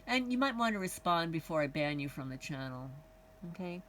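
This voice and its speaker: Woman, Kentucky accent, casual home vlog, lowish voice, rambling with ums. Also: very animated, brisk, fairly bright tone, far from the mic, slight background noise, poor audio. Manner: chatty, rambling, many ums and restarts. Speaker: homesteading channel vlogger. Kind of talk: casual vlog talk to viewers.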